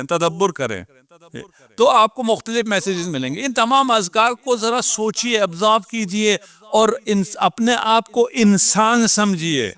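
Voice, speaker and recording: A man's voice: high voice, a bit bright, clear, resonant tone. A man, a cleric giving a sermon at a religious gathering and firing rhetorical questions at the audience. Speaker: Shia cleric.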